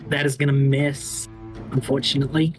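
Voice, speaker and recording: A man narrating a tabletop role-playing game as game master, in a casual, halting way. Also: medium pitch, level tone. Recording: faint music behind the voice. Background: music.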